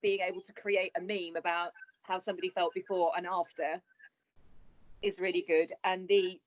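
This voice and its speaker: A woman's voice: lowish voice, flat delivery, normal speed, dry recording, lo-fi sound. Chatty woman coaching on a video call. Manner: chatty, encouraging, practical advice with plain idioms. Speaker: business coach.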